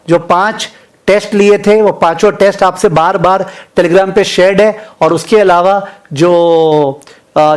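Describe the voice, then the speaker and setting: A man from India teaching an online finance class in a casual, chatty way, mixing Hindi and English and often checking in with students. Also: sits high.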